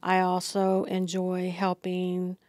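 Middle-aged woman guest, slow easy talk, dry close podcast mic, lots of ums. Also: lowish voice, monotone, darkish tone, no room sound. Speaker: district receptionist, guest. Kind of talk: casual interview. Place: small studio with plants. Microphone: podcast mic on boom arm.

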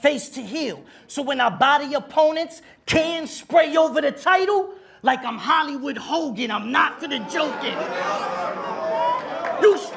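Background chatter and a little hiss or hum surround a male battle rapper in his thirties, whose very high, fry-tinged voice moves expressively at an unhurried pace. Performing a cappella on an indoor club stage for a live audience, he mocks his opponent, shouting and repeating bars with Spanish slang mixed in.

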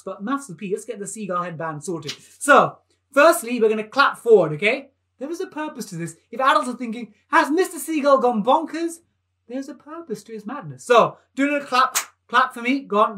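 A man, hosting a live maths lesson for young children, enthusiastic and animated as he coaxes them to join in. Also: very high voice.

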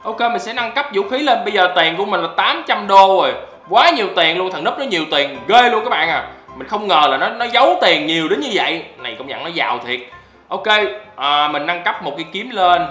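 Excitable gaming commentator. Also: male voice, high voice, brisk, roomy sound, soft background music. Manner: excitable, frequent loud exclamations. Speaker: gaming YouTuber. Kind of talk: gameplay commentary.

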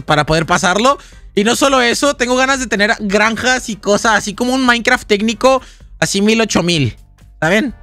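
A young man giving chatty, excitable gameplay commentary to his viewers. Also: sits high, gravelly, no room sound. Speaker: gaming youtuber.

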